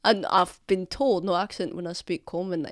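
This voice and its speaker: A man playing a weary, blunt orc veteran in a tabletop game, gruff and sardonic. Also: high voice, fairly even intonation, normal speed, a bit bright, no room sound, clean studio sound. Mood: grumbling. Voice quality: gruff, sardonic, swears casually. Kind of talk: tabletop role-play in character.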